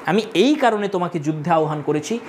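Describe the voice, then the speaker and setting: A woman teacher reading a play aloud and explaining it line by line, reading English lines slowly and then paraphrasing them in her own words. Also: on the low side, a little hiss or hum. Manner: animated, expressive explaining. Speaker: literature teacher.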